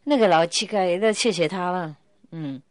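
Woman spiritual teacher, casual talk with stories, playful, laughs often, lowish voice, dry close sound. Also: normal speed, no echo.

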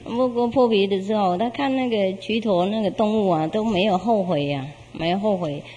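A woman's voice: medium pitch, moderate pace, dark tone. Woman telling a parable in a hall. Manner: meandering, many fillers, chuckles. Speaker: spiritual teacher telling a parable. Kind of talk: casual storytelling. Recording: long hall reverb.

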